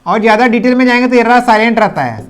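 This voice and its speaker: Male grammar teacher, fairly high voice, patient and repetitive, switches between speech and English examples. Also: lively intonation. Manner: explains patiently, repeats example sentences slowly; mixes English sentences into his speech. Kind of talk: classroom-style video lesson.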